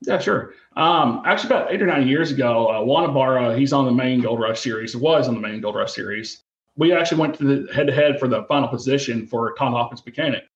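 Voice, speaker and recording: A man's voice: mid-range voice, brisk. A man from the United States giving a casual interview as a guest, earnest and folksy in a plain-spoken way. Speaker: interview guest, television gold miner. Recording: roomy, dull lo-fi remote sound.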